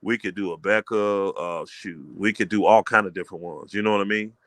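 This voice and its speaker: Emphatic low-voiced man explaining, dry close mic. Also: brisk, a bit bright, no room sound. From Fort Wayne, Indiana, US. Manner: emphatic, preacherly, repeats "you know what I mean". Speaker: community elder, homeschool leader. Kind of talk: casual call-in chat.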